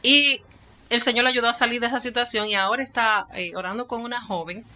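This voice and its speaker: Bright-voiced Dominican pastor woman telling a story. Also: a little high, fairly even intonation, fast talker. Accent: Dominican Spanish. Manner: storytelling that acts out quoted dialogue. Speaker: pastor and psychologist. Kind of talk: testimony in an interview.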